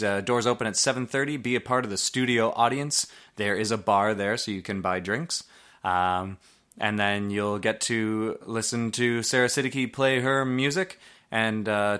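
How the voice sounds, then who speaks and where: A male podcast host with a fairly low but bright, clear voice talks in loose, casual chat. His delivery rambles, full of fillers and offhand swearing.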